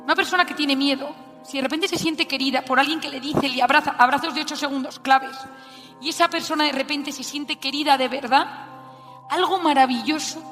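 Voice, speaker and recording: High-voiced woman, Spanish accent, animated storyteller, long hall reverb, faint music behind. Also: fairly quick. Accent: Spanish (Spain). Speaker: speaker giving a talk. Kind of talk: storytelling talk to an audience. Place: large hall with audience.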